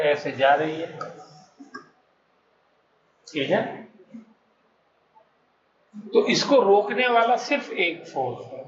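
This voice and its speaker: A male teacher giving a classroom physics lesson, working through problems step by step and coaxing answers from his students. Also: high voice. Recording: dull, echoey classroom recording.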